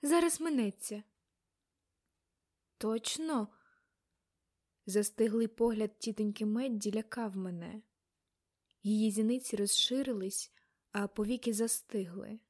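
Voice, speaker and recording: A woman narrating a young-adult novel as an audiobook, in a measured, expressive storytelling manner. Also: medium pitch.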